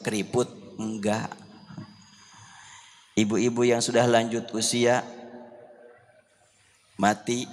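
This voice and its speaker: A male preacher giving a sermon in a large mosque hall, telling stories and asking rhetorical questions. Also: medium pitch. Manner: lively storytelling with rhetorical questions. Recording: long hall reverb, faint hiss.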